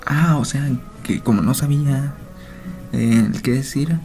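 A man with a mellow, dark tone reads a horror story aloud. He is jittery and joking, and he keeps sinking into hushed whispers. Soft music plays faintly behind him. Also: mid-range voice, a little slow. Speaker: channel host. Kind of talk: reading a horror story aloud with nervous reactions.

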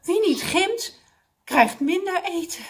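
A woman's voice: extremely high pitch, big pitch swings, fast talker, voice pushed up. Woman doing an anxious, panting old man. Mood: worried. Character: older man in a care home, worried and out of breath.

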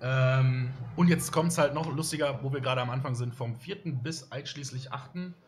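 A man's voice: medium pitch, moderate pace. A man hosting a live stream, chatting casually with viewers and rambling with many fillers. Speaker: streamer host. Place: studio room with windows. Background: faint music.

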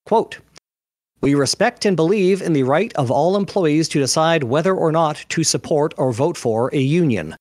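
A man hosting a podcast panel, reading out news summaries in a measured way between casual chat. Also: a little high, dry recording.

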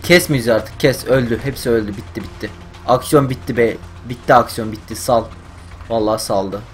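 A young man commentating a game stream live, getting loud and swearing at the game. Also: mid-range voice, a little fast, faint music behind. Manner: excitable, swears, yells at the game. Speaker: gaming streamer.

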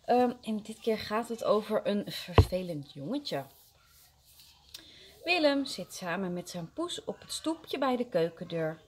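Woman, kindergarten teacher, reading a story aloud, lively pitch, slow unhurried pace. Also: slight background noise.

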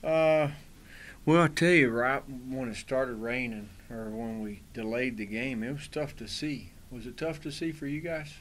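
A middle-aged man, a baseball coach, answering questions at a postgame press conference in a relaxed, rambling way with many fillers. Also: medium pitch, unhurried, slight background noise. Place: small press room in front of a sponsor backdrop.

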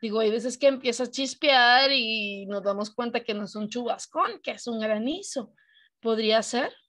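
A woman's voice: on the high side, moderate pace, a bit bright. A woman teacher with a Mexican accent giving an online class over a video call, explaining patiently and often asking her students questions.

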